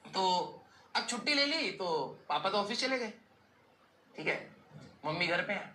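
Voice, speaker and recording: A young man tells his class a rambling, joking tale from his school days. His voice is bright, and English phrases slip into his talk. The room is echoey, with a faint hum behind him. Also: sits high, lively intonation, unhurried. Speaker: teacher. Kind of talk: casual storytelling to students. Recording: roomy echo, faint background noise.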